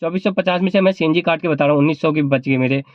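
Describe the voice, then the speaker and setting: His voice on the high side and racing along, a cab-driving vlogger explains informal advice and repeats himself. A sore throat keeps him below full volume, and the dull audio has no room sound.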